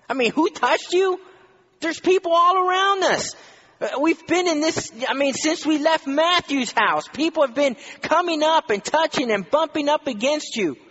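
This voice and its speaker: A man's voice: very high-pitched, fairly bright tone, big-room sound, highs cut off, voice pushed up. A man voicing an exasperated male disciple who mocks his teacher's question in disbelief. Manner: incredulous, mocking disbelief.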